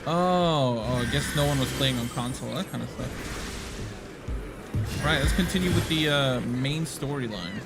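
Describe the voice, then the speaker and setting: A man's voice: medium pitch, normal speed. Brief: casual male game streamer, rambling and jokey, music playing behind. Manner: rambling, laughing, swears offhand. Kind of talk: casual live-stream chat.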